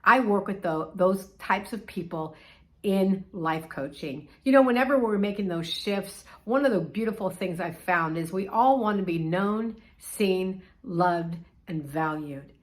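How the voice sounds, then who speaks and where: A woman's voice: mid-range voice, lively intonation, a little slow. A middle-aged woman, a life coach, giving a conversational, encouraging faith talk with casual fillers.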